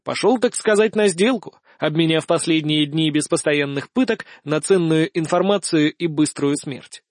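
A man narrating a first-person audiobook in a lively, ironic storytelling manner. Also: on the high side, normal speed, no echo, studio quality.

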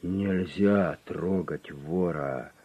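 A man voicing a hoarse, defiant captive criminal boss who speaks in a low rasp. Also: extremely slow, lo-fi sound, heavily acted. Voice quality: hoarse, rasping.

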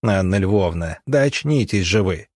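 A man's voice: sits low, animated, moderate pace, a little mellow, breathy edge, dry recording, studio quality. A man voicing a tired young country doctor who speaks firmly and curtly. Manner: curt, firm.

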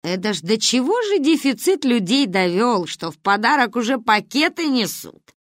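A woman reading aloud and voicing a stern, sharp-tongued old grandmother with a gruff, commanding manner. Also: fairly high pitch, big pitch swings, normal speed, dry recording, voice pushed up. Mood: gruff teasing. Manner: gruff, commanding, dry mocking.

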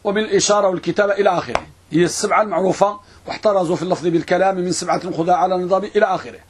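A man teaching an Arabic grammar lesson in a classroom, reciting verses slowly and quizzing his students. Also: high-pitched, steady tone, slight background noise. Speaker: Islamic scholar teaching grammar.

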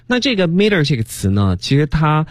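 A man's voice: on the high side, huge pitch swings, a little fast, dry recording, studio quality. A man co-hosting a bilingual radio English lesson, patiently explaining word roots and often agreeing with his co-host. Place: radio studio.

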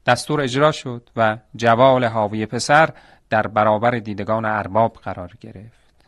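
A man's voice: fairly low pitch, steady tone, no echo. Male folk-tale storyteller, dry close voice. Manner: warm, dramatic, addresses listeners directly. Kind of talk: audio folk-tale narration.

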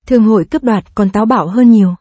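A woman narrates a fantasy audiobook in an even, steady read. Her voice is mellow and warm with a husky, breathy edge, and the recording is dry and close with no room sound. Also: mid-range voice, rapid-fire, no room sound. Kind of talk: scripted narration.

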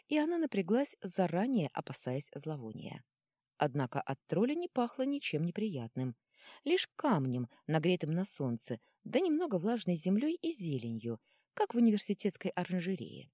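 A woman narrating a fantasy novel in a lively, expressive reading. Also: sits low, no echo, studio quality. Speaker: audiobook narrator.

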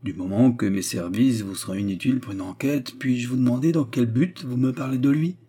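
A man voicing a cool, reserved gentleman in an audiobook, speaking in a measured way. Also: mid-range voice, slightly rough, close to an everyday voice. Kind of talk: audiobook character reading.

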